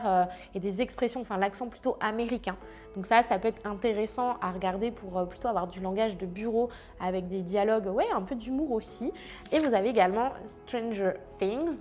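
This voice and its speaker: Chatty French-speaking woman teaching. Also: mid-range voice. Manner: chatty, many fillers, addresses viewer directly. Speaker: language teacher. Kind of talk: casual explanatory lesson.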